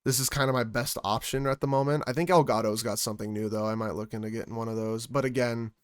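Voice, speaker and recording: A man's voice: medium pitch, steady tone, quick pace, clear, resonant tone, no room sound. A man chatting casually on his stream at home into a music microphone, rambling and trailing off mid-thought. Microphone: studio music microphone.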